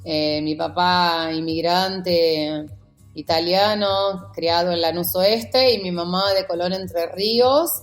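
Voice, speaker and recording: A woman with a fairly low voice speaks slowly, telling her story over music in Buenos Aires porteño Spanish, though she comes from Rio de Janeiro, Brazil. She's a wedding photographer appearing as a podcast guest, sharing stories in a casual interview and animatedly acting out the conversations she quotes.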